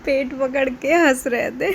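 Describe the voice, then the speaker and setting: Chatty higher-voiced woman storyteller. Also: unhurried, gravelly, slight background noise. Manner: chatty, quotes characters, breaks into laughter. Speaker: storyteller retelling a drama. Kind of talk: casual spoken plot retelling.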